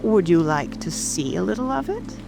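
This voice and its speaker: A woman playing a melancholy, sentimental sea turtle creature in a dramatic audiobook, with a slow, mournful delivery. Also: fairly low pitch, very animated, creaky. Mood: subdued. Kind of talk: full-cast dramatic audiobook reading. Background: soft rain ambience and music.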